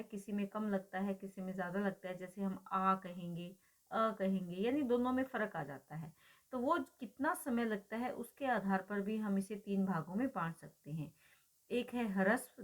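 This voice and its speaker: Woman teaching with rhetorical questions. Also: mid-range voice. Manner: asks rhetorical questions and answers them; draws out vowel sounds as examples. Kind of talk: explanatory lecture.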